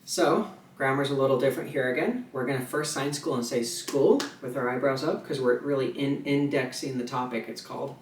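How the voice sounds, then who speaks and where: A man explains sign language in a loose, conversational way, trailing off with fillers and restarting his thoughts as he goes. His mid-pitched voice sits slightly back from the camera mic in a roomy, echoing space. A faint hum of ambient noise runs underneath. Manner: relaxed, chatty, many fillers and restarts, slows to mouth example sentences. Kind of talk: casual instructional video. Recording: echoey room, voice a little far from the mic, faint ambient noise.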